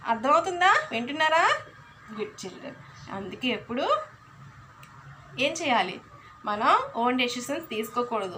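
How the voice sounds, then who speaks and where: A young woman teaching a class of small children, her voice high and lively. She tells a cautionary tale in a coaxing way. She keeps stopping to ask the pupils questions. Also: a little hiss or hum. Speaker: school teacher. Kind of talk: storytelling lesson to young pupils.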